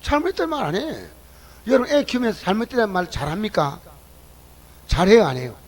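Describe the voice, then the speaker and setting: A man preaching a sermon at a church service. He questions the congregation and swings between loud exclamations and low asides. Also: very animated, fast talker, low-quality recording. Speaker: pastor.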